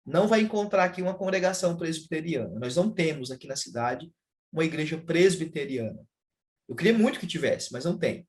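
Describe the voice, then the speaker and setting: Um pastor brasileiro explica teologia em uma conversa, de modo pausado e didático, com muitos "ah" de hesitação. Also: male voice, fairly high pitch. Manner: measured, explanatory, with frequent "ah" fillers. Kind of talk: casual theological conversation.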